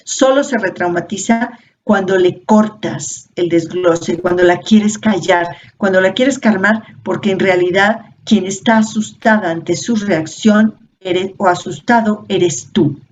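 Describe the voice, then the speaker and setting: Slow, unhurried woman teaching a workshop. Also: medium pitch. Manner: unhurried, explains with rhetorical questions. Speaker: workshop facilitator. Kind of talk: informal teaching talk. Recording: dull lo-fi audio with faint noise.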